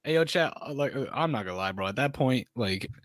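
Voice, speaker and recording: A man's voice: mid-range voice, expressive, quick pace, no room sound, studio quality. A young American man chatting casually with friends in slangy, argumentative frat-bro talk. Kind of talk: casual group chat on a stream.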